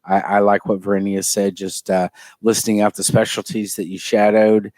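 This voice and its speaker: A man's voice: fairly low pitch, moderate pace, no room sound. A man, a former admissions director, chatting casually and telling stories with easy fillers. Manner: relaxed storytelling with fillers, clears throat. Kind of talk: casual chat.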